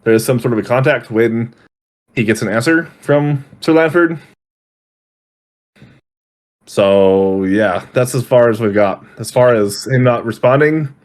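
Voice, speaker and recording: A man narrating as game master of a tabletop game, halting and often correcting himself. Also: medium pitch.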